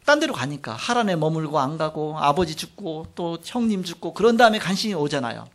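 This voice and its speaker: A middle-aged man preaching a sermon, telling a personal testimony in an animated storytelling way. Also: a little high, a little fast. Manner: animated storytelling, acts out quotes, frequent trailing "like this". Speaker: pastor.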